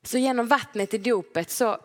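A woman preaching a gentle, personal sermon in a church, now and then acting out short quoted lines. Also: fairly high pitch, slight background noise. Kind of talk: conversational sermon. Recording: long hall reverb.

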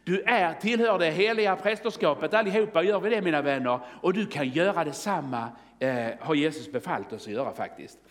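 A man's voice: on the high side, few pauses, fairly bright tone. A man preaching a sermon, telling a testimony story in a fervent, exclaiming way and calling out halleluja. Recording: long reverb of a church hall.

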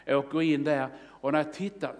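Male preacher, fervent storytelling style, slightly high voice, long hall reverb. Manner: storytelling, exclaims halleluja, rises to excited testimony. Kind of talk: sermon.

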